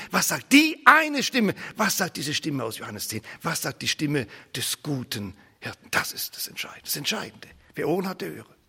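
Preacher, male, bright gravelly voice, swings from loud to hushed. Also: a little high, in a large hall. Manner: emphatic, repetitive, dramatic swings between loud and hushed. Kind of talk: sermon.

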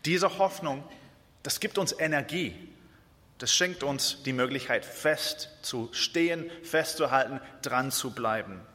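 A man from Israel preaching a sermon in German, earnest, with hesitations and slow repeated phrases for emphasis. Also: medium pitch, sharp tone. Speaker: guest preacher. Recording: reverberant church hall.

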